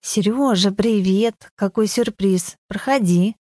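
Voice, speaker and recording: A woman voicing a kind young aunt who speaks gently and reassuringly in an audiobook. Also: mid-range voice, takes it slowly, no room sound, studio quality. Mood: gentle.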